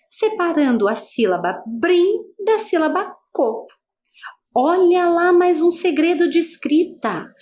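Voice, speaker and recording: A female teacher with a Brazilian Portuguese accent, giving an adult-education video lesson, patient and asking many guiding questions. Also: high-pitched.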